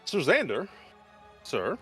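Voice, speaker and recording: A man's voice: fairly high pitch, huge pitch swings, takes it slowly, sharp tone, soft background music. A man speaking casually as the game master of a tabletop role-playing session, explaining rules and calling turns.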